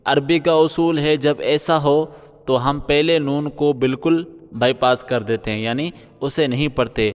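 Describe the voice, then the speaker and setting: A man teaching Quran reading with tajweed, spelling out syllables and chanting words slowly, then explaining the rules quickly. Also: on the high side, clean tone, long reverb tail.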